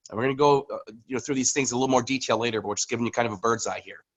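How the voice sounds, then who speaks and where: A man's voice: medium pitch, rapid-fire, rough recording. Rambling man on a video call. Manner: casual, rambling with many fillers and restarts. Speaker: company communications executive. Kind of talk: business update on a video call.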